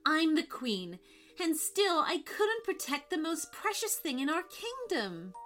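A woman's voice: very high-pitched, big pitch swings, measured pace, a bit bright, soft background music, voice pushed up, full character voice. A woman voicing a young fairy queen in a storybook, brave and earnest, speaking in emphatic exclamations. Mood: distressed.

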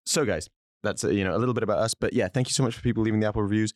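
A young man with a lowish voice co-hosts a casual podcast. He talks quickly and informally, wandering into asides, in a dry, close-sounding recording. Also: dry recording. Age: young adult. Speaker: podcast co-host. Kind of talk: casual conversational hot-take podcast.

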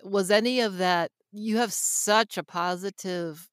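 A woman co-hosting a podcast interview who asks curious, halting follow-up questions. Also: medium pitch, clean tone, dry recording, studio quality. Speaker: podcast co-host.

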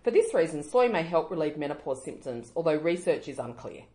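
A woman's voice: low voice, sing-song, fairly quick, warm tone. A middle-aged woman co-hosting a podcast, chatty and rambling, often trailing off mid-sentence. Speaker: podcast co-host. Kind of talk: casual chat. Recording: roomy echo.

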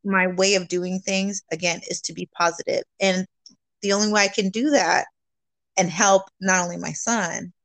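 A woman guest from California speaks in an earnest, upbeat way, sliding between English and Spanish mid-sentence. Her pitch sits mid-range for a woman, and she breaks into laughter often as she talks. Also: steady tone, moderate pace, fairly bright tone, dry recording. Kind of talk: casual bilingual interview chat.

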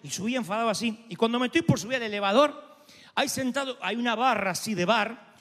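A man's voice: very high voice, quick pace, a bit bright, long reverb tail. A middle-aged Argentine man preaching, telling a story animatedly and acting out the dialogue and prayers. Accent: Argentine Spanish. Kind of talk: storytelling sermon.

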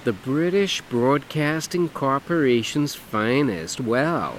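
A man's voice: medium pitch, lively intonation, slow pace, a little hiss or hum, pitched above the performer's own voice, poor audio. A man voicing a flamboyant, brash lawyer who talks in a camp, sassy, emphatic drawl. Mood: guarded.

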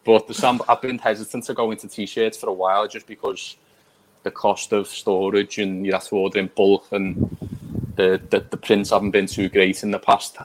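A man's voice: on the low side, level tone, moderate pace, slight background noise, low-quality recording. A man speaking as a podcast guest, explaining things in an informal, unassuming way. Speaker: podcast guest, print designer. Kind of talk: casual chat.

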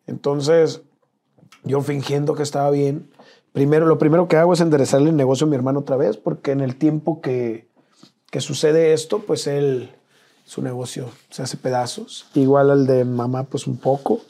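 A man from Mexico, an interview guest telling an emotional personal story in an earnest, slangy way, dropping to a hush at painful moments. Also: medium pitch, fairly even intonation, moderate pace, vocal fry.

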